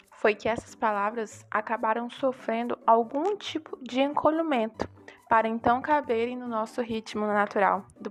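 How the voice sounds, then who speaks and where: A young woman, a student, explaining a book chapter to her class with rhetorical questions. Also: fairly high pitch. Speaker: student presenting a group assignment. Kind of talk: class presentation.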